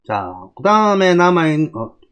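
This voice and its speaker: A man's voice: sits high, sing-song, moderate pace, a bit bright, smooth. A middle-aged man teaching classical texts, explaining word by word with frequent rhetorical checks to his listeners.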